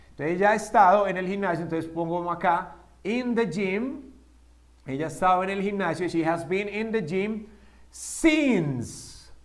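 Spanish-speaking male English tutor, high voice, quizzes his class and answers himself, drills example sentences slowly. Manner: asks the students questions and answers them himself; slows down to spell out English examples. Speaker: English teacher. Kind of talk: whiteboard grammar lesson.

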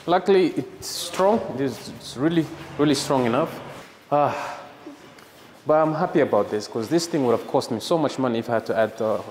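A man's voice: medium pitch, lively intonation, moderate pace, a little mellow, long reverb tail, slight background noise. Casual man vlogging from a gym build. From Rwanda. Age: 30s. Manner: explains step by step to camera. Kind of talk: casual vlog narration. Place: gym under construction, indoors.

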